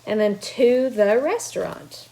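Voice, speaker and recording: A woman teacher records a remote grammar lesson from her home. Her voice sits at an ordinary middle pitch for a woman. She explains each step patiently and keeps encouraging her students. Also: animated, a little slow, vocal fry, warm tone. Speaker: Spanish teacher. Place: at home with children nearby.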